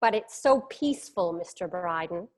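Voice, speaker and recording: An actress playing a quiet, polite, wistful schoolteacher in a period drama screenplay reading. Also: female voice, fairly low pitch, expressive, moderate pace. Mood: polite, mild.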